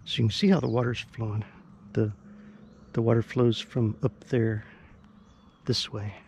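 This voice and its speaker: A man with a gravelly Midwestern voice talks in an easygoing, chatty way, walking through each cast as he fishes. He sounds like he is outdoors by a river, recorded on a small camera mic. Faint birds and outdoor hiss sit behind him. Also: mid-range voice, little pitch movement, a little slow, darkish tone. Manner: chatty, easygoing, explains as he goes. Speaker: fishing vlogger. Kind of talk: casual narration while fishing. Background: faint birds and outdoor ambience.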